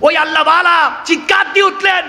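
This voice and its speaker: High-pitched preacher echoing through a hall. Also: male voice, steady tone, creaky, sharp tone, shouting. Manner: sings verses in a drawn-out chant, cries out in emotional bursts. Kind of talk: impassioned sermon storytelling. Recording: echoey hall with long reverb.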